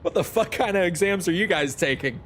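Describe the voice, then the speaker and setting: The voice sits high and sounds fairly bright, animated, and brisk, with slight background noise. It belongs to a man streaming a game who chats with viewers in a rambling, self-mocking style laced with casual swearing.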